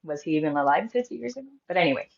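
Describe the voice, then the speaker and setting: A woman's voice: deep voice, rapid-fire, muffled recording. A woman in her forties, a medium and healer, telling a story in a casual interview, acting out quotes with lots of fillers. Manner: animated, acts out quotes with laughs and many "like" fillers.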